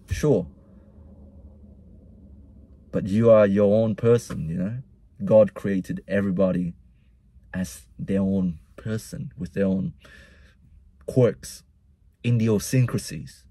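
Soft-toned man with mixed Vietnamese-Australian accent. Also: lowish voice, breathy edge, no room sound. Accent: Vietnamese-Australian mix. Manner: soul-searching, rambling, repeats himself. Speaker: vlogger. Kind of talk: casual personal monologue.

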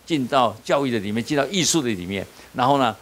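This pastor's voice is medium-pitched, slightly bright, animated and quick. Preaching to small-group leaders in training, he asks his listeners questions and supplies the answers, frequently adding "你知道吗," or "you know?".

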